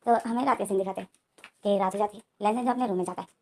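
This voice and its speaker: A woman's voice: mid-range voice, fairly even intonation, racing. A woman retelling a fan story as a narrator, quoting each character's lines in her own voice.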